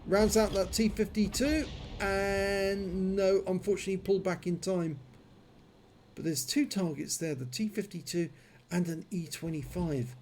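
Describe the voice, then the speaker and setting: A man's voice: high voice, fairly even intonation, measured pace, a little mellow, slight background noise. A man commentating on a video game, his speech slurred and clumsy from a numb, frozen jaw. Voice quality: slurred, numb-jawed speech from dental infection.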